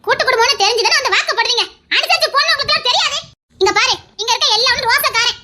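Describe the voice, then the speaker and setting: A woman voicing a sharp-tongued older aunt of a joint family, who scolds in a quick, mocking way. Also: very high voice, heavily acted. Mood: scolding.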